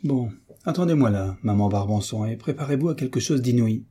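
A man's voice: mid-range voice, a little fast, husky. A man doing a cheerful, bold young soldier. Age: young adult. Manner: lively, teasing, resolute.

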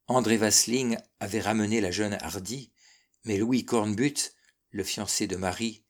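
A man narrating a classic seafaring novel as an audiobook, measured and expressive. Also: on the low side. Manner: measured, expressive reading that darkens and softens in sad passages.

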